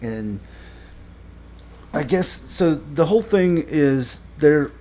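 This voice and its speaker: A man giving a casual spoken review, rambling and halting with many fillers and restarts, blunt and critical. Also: on the high side, animated, warm tone. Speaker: show reviewer.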